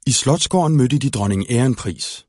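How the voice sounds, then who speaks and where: A man reads a fairy tale aloud in a calm, even way. His voice is husky and of middling pitch. The recording is close and dry. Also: dry recording. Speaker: audiobook narrator. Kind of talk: storybook narration.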